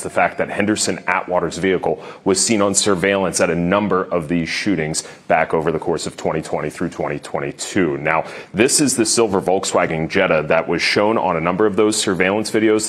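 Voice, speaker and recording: Deep-voiced American male news reporter. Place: indoor lobby outside a courtroom.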